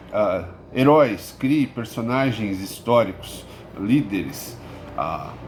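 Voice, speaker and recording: A male history teacher from Brazil gives an informal lecture, full of fillers and self-corrections. His pitch swings widely, climbing high when he stresses a point. A faint hiss of noise sits underneath the voice. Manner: casual and rambling, many fillers and restarts, rising emphatic peaks. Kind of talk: informal recorded lesson.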